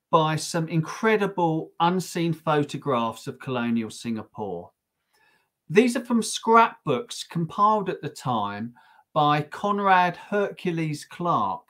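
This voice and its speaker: A man giving a prepared history lecture as a guest speaker, with measured, formal phrasing. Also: on the high side, a bit bright. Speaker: guest lecturer, doctoral student.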